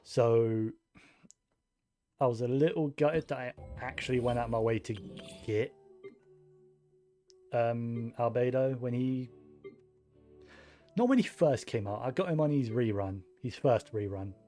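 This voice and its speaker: This male game streamer has a dark, mid-range voice, speaking at a measured pace and pausing often. He thinks aloud in a mutter, swears casually, and has game music playing behind him.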